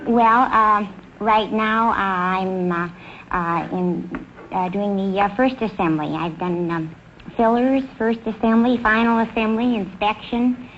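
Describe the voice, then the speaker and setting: A woman's voice: medium pitch, steady tone, unhurried, a bit bright. A woman in her twenties with a childlike voice, answering a quiz host's questions hesitantly with many fillers. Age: 20s. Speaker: quiz show contestant. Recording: dull old broadcast with faint hiss.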